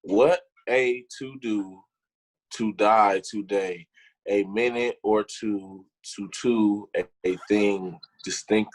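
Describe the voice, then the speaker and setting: A man's voice: lowish voice, fairly even intonation, slow pace, poor audio. A man co-hosting a podcast, chatting casually, laughing and cursing while he reads tongue twisters aloud. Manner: laid-back, laughing, cursing. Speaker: podcast host.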